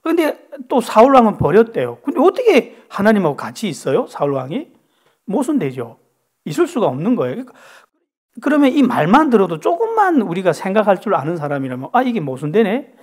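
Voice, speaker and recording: A male pastor preaches with a slightly husky, higher-pitched voice. He tells the story with swooping, animated intonation and keeps throwing rhetorical questions at his listeners. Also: brisk. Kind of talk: sermon.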